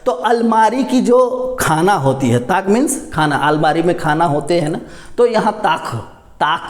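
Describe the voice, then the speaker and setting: A man teaching Hindi grammar, explaining each word slowly and answering his own questions as he goes. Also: sits high, roomy sound. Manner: repeats words, asks and answers own questions. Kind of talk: classroom explanation.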